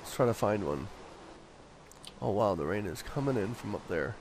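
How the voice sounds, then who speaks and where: A man, a father, chatting casually and upbeat on a voice call while leading his family through a video game, quick to joke. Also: on the low side, lively intonation, a little hiss or hum. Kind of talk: casual gaming chat.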